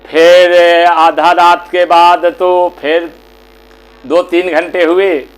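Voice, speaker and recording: A man telling a devotional moral story in slow, short, plain phrases. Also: sits high, little pitch movement, clean tone, low-quality recording. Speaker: religious storyteller.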